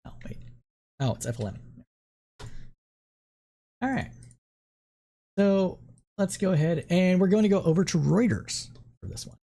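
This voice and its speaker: Mellow-voiced casual stream host. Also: mid-range voice, animated, a little slow, gravelly, long pauses. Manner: playful, coos and repeats over a cute picture; reads news copy aloud with small slips. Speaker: news show host. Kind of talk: casual live-stream news roundup.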